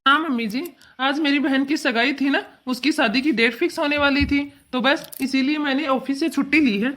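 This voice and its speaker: A woman doing a prankish cartoon son-in-law, deadpan and teasing, with a high voice. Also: normal speed. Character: joking young son-in-law. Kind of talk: cartoon dubbing.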